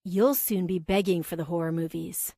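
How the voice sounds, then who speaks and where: A woman's voice: on the low side, fairly even intonation, normal speed, mellow, no room sound, clean studio sound. A woman reading the part of a casual, teasing male friend in an audiobook. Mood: relaxed. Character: easygoing male best friend.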